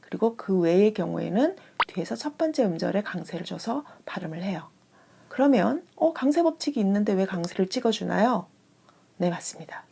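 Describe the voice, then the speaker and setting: A young woman teaching Spanish in a calm, clear, explanatory way. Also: mid-range voice, a little hiss or hum. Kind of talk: scripted online language lesson.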